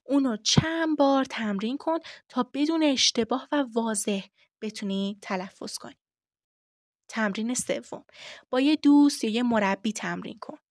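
A woman hosting a podcast lesson on voice work, explaining things clearly and step by step. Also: fairly high pitch, dry recording, clean studio sound. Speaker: voice-acting teacher.

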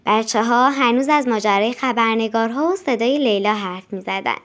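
Gentle high-voiced woman storyteller. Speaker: audiobook narrator. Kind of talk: storybook narration.

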